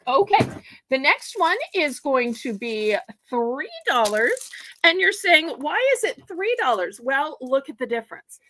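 A woman's voice: high voice, fairly bright tone. A woman hosting a live online auction from home, chatty and folksy as she counts out items for bidders.

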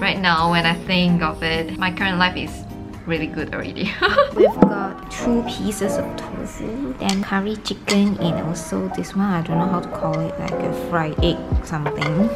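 A young woman chatting casually to camera in a vlog, laughing often, in slightly broken English. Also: mid-range voice. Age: young adult. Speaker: vlogger. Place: bedroom. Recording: loud background music.

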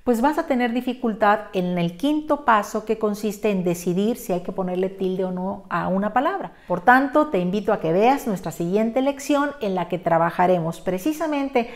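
A woman's voice: mid-range voice, animated, normal speed, few pauses. A woman teaching spelling, methodically walking through each step in a close voice-over. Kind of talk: instructional lesson narration.

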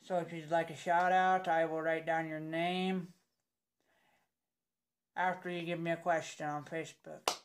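A young man giving a casual, rambling review in a halting, unimpressed way, talking with a lip packed full of dip. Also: fairly high pitch, level tone, noisy background. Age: young adult. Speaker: product reviewer. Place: indoors in a home room.

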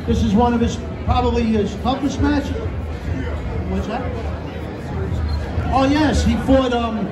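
A man interviewing people live on stage at a press conference, talking haltingly and repeating his phrases. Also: very high voice, distant mic, very noisy. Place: indoor venue stage. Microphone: handheld microphone, distant camera. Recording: echoey stage PA from afar, loud crowd.

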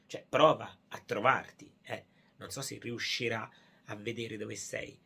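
A man doing a playful puppet show for a baby, talking softly in a hushed, coaxing way. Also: lowish voice, fairly even intonation, unhurried, gravelly, husky.

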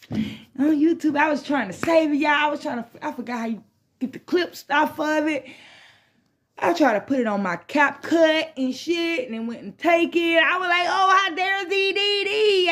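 Higher-pitched woman in a slangy stoner ramble. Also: fairly bright tone. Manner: laid-back stoner ramble, slangy, profane, drifting and repeating phrases. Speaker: vlogger hosting a smoke session. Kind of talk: casual rambling chat to camera. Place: small bedroom, indoors. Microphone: phone propped at arm's length or a little further.

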